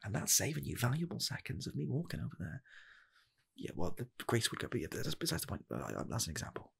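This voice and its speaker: Earnest and eager, a twenty-something ASMR roleplayer does a full character voice as a nervous rocket scientist interviewing for fast-food work in a comedic sketch. His medium pitch swoops wildly, his tone is soft, husky, and gravelly, and he drifts into whispers. He stammers haltingly, repeating phrases.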